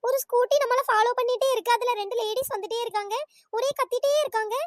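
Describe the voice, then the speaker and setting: A performer voicing a clingy young girlfriend in a cartoon, sweet and cooing, with a pitch-shifted voice. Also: fairly even intonation, quick pace, a bit bright, no room sound, clean studio sound. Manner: sweet, cooing, calls him darling. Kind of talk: cartoon comedy voice acting.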